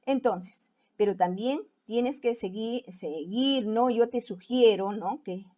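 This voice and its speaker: A woman teacher with a slightly high voice talks students through a writing assignment in a patient, step-by-step way. She keeps checking in with a quick "¿no?" after almost every phrase. The recording sounds dull and lo-fi. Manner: keeps asking "¿no?" to check understanding. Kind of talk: online class explanation.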